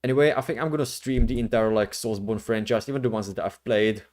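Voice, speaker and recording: A man chatting casually as the host of a livestream, rambling in a slangy, halting way. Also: on the low side, fairly even intonation, darkish tone. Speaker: streamer, VTuber host.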